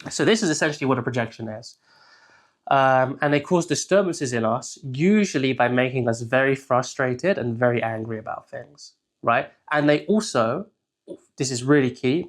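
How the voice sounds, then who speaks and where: A young man from England talks through ideas as a coach in a relaxed, unscripted solo talk. His voice sits at an ordinary middle pitch, and he keeps checking in with his listener after almost every point. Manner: conversational, keeps checking in with "right?". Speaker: life coach. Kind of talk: casual solo teaching talk.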